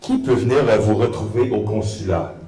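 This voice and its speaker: A man with a Quebec French accent hosting a live radio evening and interviewing, with hesitant, paused phrasing. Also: fairly low pitch, warm tone. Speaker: radio host. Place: live event venue with an audience. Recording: echoey room, distant from microphone.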